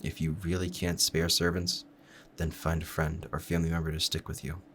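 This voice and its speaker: Playing a lovestruck assassin in an audio roleplay, a man speaks to the listener with formal, measured politeness edged by quiet menace, now protective and tender. His voice is rumbling low with little pitch movement, and slight background noise is present.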